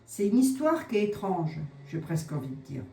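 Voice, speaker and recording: A woman's voice: medium pitch, very animated, normal speed, mellow. A woman giving a casual psychic card reading, musing aloud, hesitating and repeating herself as she goes. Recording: echoey room with faint ambient noise.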